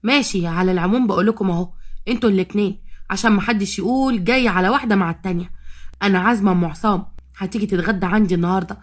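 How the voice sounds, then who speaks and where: A commanding older Egyptian mother-in-law, voiced by a woman storyteller, curt and bossy. Her orders come fast at a middle pitch in a spoken storybook. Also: lightly acted. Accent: Egyptian Arabic.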